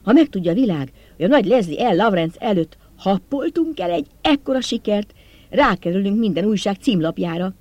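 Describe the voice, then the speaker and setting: A man voicing a frightened, hostile, sweating male scholar in an audiobook, talking in an agitated, hissing, loud way. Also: high voice, animated, no echo, pitched above the performer's own voice.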